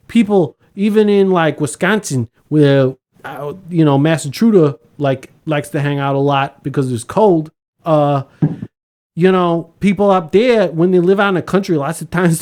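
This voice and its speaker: A man hosting a podcast, talking in a halting, meandering way in casual chat. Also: fairly high pitch, darkish tone. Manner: halting, meandering, with many fillers. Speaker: podcast host.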